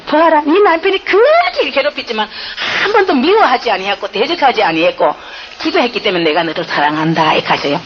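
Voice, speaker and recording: An older woman with a Gyeongsang accent gives an emotional church testimony, telling her story in an animated, tearful way, heard on a dull, slightly noisy recording. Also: fairly high pitch. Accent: Gyeongsang Korean.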